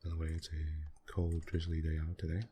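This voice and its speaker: Quiet guy murmuring thru his game asmr style, deep mellow voice, lots of pauses, at his computer. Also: completely flat delivery, slight background noise. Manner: quiet, unhurried, musing aloud with many pauses. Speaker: gaming channel host. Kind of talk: soft-spoken ASMR gameplay commentary.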